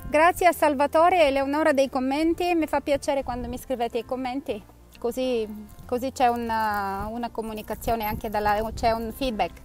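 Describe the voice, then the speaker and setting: A woman's voice: a little high, fairly even intonation, normal speed, faint music behind. A woman from Bulgaria with a Bulgarian accent, teaching pronunciation in a casual outdoor vlog and drilling words for learners to repeat. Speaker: language teacher. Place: outdoors on an old road, windy.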